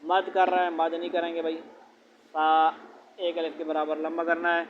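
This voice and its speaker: Male Quran teacher with a high voice, drilling letter sounds with rhetorical questions, on a muffled recording. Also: level tone. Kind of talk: classroom lesson on letter pronunciation. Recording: dull lo-fi with faint noise.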